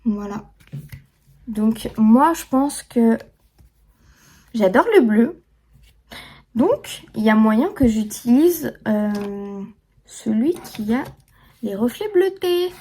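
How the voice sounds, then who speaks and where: A woman's voice: fairly high pitch, expressive, extremely slow, pauses often, warm tone. A young woman chatting casually through a makeup tutorial, full of fillers and restarts. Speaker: beauty vlogger.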